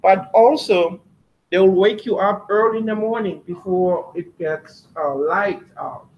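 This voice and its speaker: A man with a South African accent speaking to schoolchildren in a classroom, asking them questions and pausing on fillers. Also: sits high, dull audio. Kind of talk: classroom talk. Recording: roomy, distant classroom recording with faint noise.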